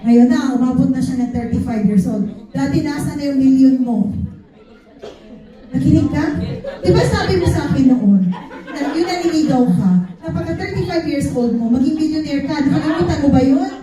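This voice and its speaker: A woman's voice: sits high, moderate pace, a crowd in the background. A Filipino woman preaching a humorous Taglish sermon, playful and sing-song with laughing asides. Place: church hall. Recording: echoey hall, speaker far from mic.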